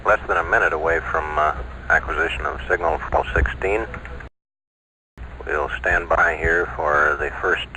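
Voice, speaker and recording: A man giving calm, measured mission commentary over a crackly archival space-mission radio transmission. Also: a bass voice.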